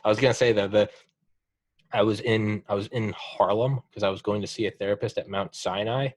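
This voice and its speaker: Fast-swearing podcast host, low dry voice. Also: male voice, no echo. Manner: swears freely, encouraging, animated storytelling. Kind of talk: casual chat.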